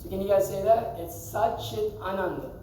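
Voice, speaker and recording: High-voiced man teaching in an echoey hall. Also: moderate pace, a crowd in the background. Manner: conversational, quizzes the audience, laughs often. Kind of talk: scripture class talk. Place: temple hall. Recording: echoey hall, mic far off.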